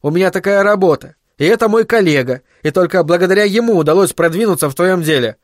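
A man's voice: high voice, expressive, fast, dry recording, clean studio sound, voice pushed up. A man voicing an agitated, stubborn middle-aged male scientist who talks in emphatic, heated bursts. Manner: heated, emphatic, pleading at times.

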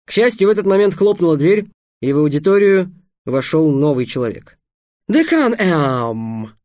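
A man narrating an audiobook in a measured, dramatic way, dropping low and soft for ominous moments. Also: no room sound, studio quality. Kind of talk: scripted narration.

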